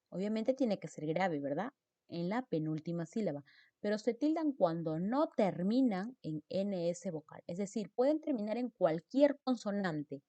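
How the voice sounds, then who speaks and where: A woman's voice: fairly low pitch, dark tone, no echo. A woman teacher explains mark rules, repeating example words and checking in with her students. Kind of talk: spelling lesson on accent marks.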